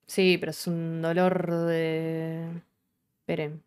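A woman's voice: low-pitched, flat delivery, takes it slowly, a little mellow, clean tone. A woman with a Rioplatense Argentine accent hosting a casual live coding stream, chatting as she works, thinking aloud and swearing casually. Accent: Rioplatense Argentine Spanish.

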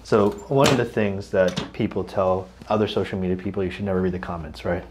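A man working as a chiropractor, giving calm, joking instructions to a patient during treatment. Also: deep voice, a little fast, heavy background noise. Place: chiropractic clinic room.

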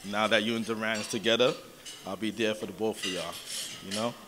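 Man, relaxed rambling toast, faint clatter behind. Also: on the low side, a little fast, background noise. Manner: loose, talky, lots of "you know". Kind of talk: casual wedding toast. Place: wedding reception hall.

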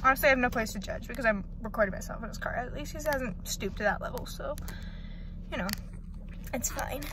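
An eighteen-year-old woman chats in a casual vlog from her parked car at night, the phone camera held or propped near her. Her fairly high voice runs a little fast against background noise, chatty and self-mocking, with free swearing.

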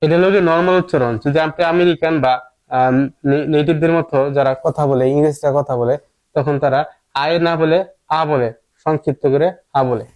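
A man's voice: on the high side, brisk, highs cut off. A man teaching English pronunciation in a patient, explanatory way, repeating each point several times. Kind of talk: explanatory lesson with repetition.

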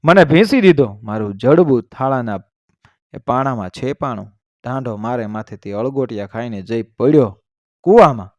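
A toothless old village farmer in a told story, good-humored and plain-spoken, pushing his voice up at the dramatic moments, as a male narrator reads him. The voice has an ordinary middle pitch. The sound is dry and close to the mic. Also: lively intonation, moderate pace, no echo, close to an everyday voice. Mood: recounting.

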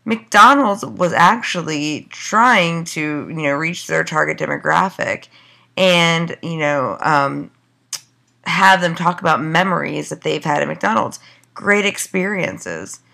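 A woman with a hoarse voice, as she is losing it, giving a recorded class lecture in a loose style full of fillers and rhetorical questions. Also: sits low, slow pace, pushed and bright. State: losing her voice.

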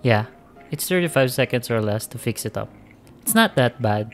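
Man, tech reviewer, casual friendly narration, mid pitch, background music clearly audible. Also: animated, moderate pace. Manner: casual, friendly, addresses viewers directly.

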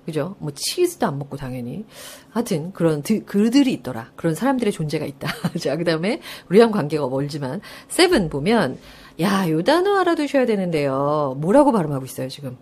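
A woman's voice: low-pitched, a little fast, few pauses, slightly rough. A woman giving a live online lecture for an English listening test, coaxing students with questions and laughing as she explains. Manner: lively, coaxing, asks students questions and answers herself; laughs often while explaining.

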